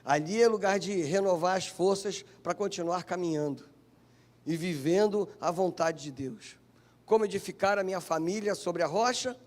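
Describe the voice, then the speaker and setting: A man with a Brazilian Portuguese accent, a pastor preaching a sermon in church with fervent, repetitive emphasis and drawn-out phrases. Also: sits high, darkish tone.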